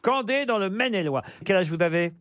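A man with a high voice hosts a radio game show. He reads out the prizes and teases the panel in a chatty, bantering way. His voice is close and dry on a studio microphone. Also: animated, a little fast, a bit bright, dry recording. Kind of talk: radio quiz presenting.

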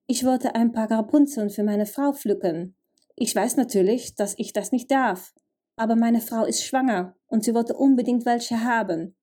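A woman's voice: on the high side, moderate pace, dark tone, close to an everyday voice. A woman reading as a stammering, apologetic husband. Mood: pleading. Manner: stammering, pleading. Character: timid, apologetic husband caught stealing.

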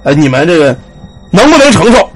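Man playing grave old temple-keeper doctor, husky, slow. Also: high-pitched, big pitch swings, soft background music, full character voice. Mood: warning.

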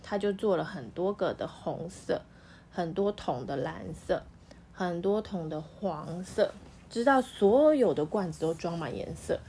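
A woman reading a picture book aloud to her child at home, pausing to ask the child questions as the story goes. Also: fairly low pitch, slight background noise. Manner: lively, questioning the child as she reads.

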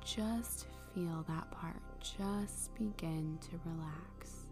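A woman podcast host talking a listener through a guided relaxation in a slow, soothing, breathy whisper. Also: lowish voice, music in the background. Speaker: podcast host and mindset coach.

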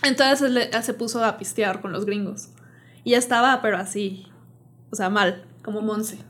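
A woman's voice: medium pitch, moderate pace, a bit bright. A young woman with a Mexican accent, telling a story in casual chat and acting out the quotes with animation. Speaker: podcast co-host.

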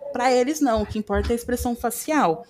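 Casting: Brazilian woman, podcast host, bright higher register, lively casual explainer who restarts her phrases. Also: fast talker. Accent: Brazilian Portuguese. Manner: animated, self-correcting, acts out quotes.

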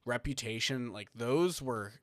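This podcast co-host rambles as he reads out numbers, stumbling over fillers and restarting often. He speaks at a medium pitch, a little slowly, with a slightly bright tone, and the recording is dry.

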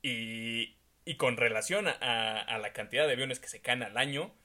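A man with a Mexican accent, co-hosting a casual discussion in a relaxed, conversational way. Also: medium pitch, normal speed. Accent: Mexican Spanish. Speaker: podcast co-host.

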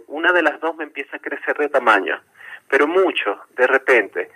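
Doctor guy on the radio, bright voice, patient, says things twice so you get it. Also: medium pitch, low-quality recording. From not from Chile. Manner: patient, explanatory, repeats himself to be clear. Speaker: medical doctor guest. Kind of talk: explaining to a radio host. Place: radio interview.

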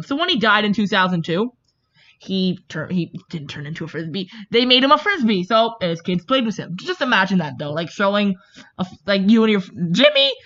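A woman's voice: medium pitch, a bit bright. A female podcast co-host chatting casually, giggly and rambling with many fillers. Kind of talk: casual chat. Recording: dull lo-fi recording.

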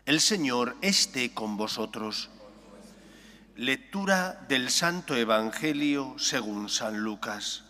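A priest's voice rings out under a long cathedral echo, the words drawn out slowly and evenly. His tone is bright and forceful, at an ordinary man's pitch. He recites the prayers in the measured cadence of the liturgy. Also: expressive. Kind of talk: celebrating Mass. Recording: long echoing church reverb.

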